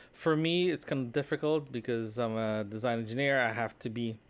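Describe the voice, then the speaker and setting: Talking conversationally in a solo audio diary, this man, a podcast host and vlogger, wanders from point to point and keeps checking in with tag questions. He has a clear, resonant, medium-pitched voice.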